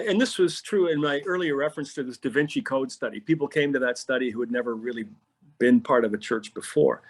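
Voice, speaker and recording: A middle-aged pastor with a medium-pitched voice tells stories animatedly in a podcast interview, often repeating words as he begins a thought.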